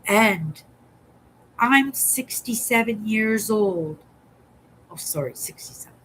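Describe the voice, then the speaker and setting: A woman's voice: medium pitch, lively intonation, slow pace, a bit bright, husky, poor audio. A woman in her sixties who muses aloud in a casual vlog monologue and often ends her thoughts with a questioning "right?". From Canada. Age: 60s. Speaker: vlogger.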